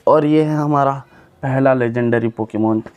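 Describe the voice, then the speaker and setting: A young man casually reading aloud a long list of names for his viewers, sounding them out slowly and often stumbling and repeating them. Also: mid-range voice, darkish tone, smooth, highs cut off. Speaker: YouTuber reading Pokémon names.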